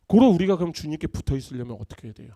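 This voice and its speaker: A man, a pastor, preaching a sermon in an animated, conversational way in a church. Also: on the high side, very fast, dry recording, studio quality. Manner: animated, conversational preaching with acted-out family quotes. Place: church sanctuary.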